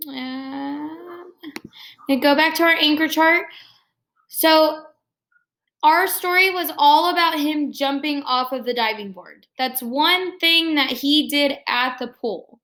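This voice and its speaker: With a high, bright, forceful voice, an elementary school teacher reads a story aloud and breaks it down for her young students step by step.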